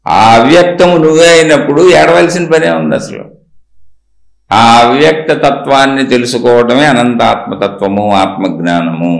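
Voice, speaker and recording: A man's voice: fairly high pitch, creaky, reverberant. A man giving a spiritual discourse, asking rhetorical questions and answering them himself in a repetitive, emphatic teaching cadence.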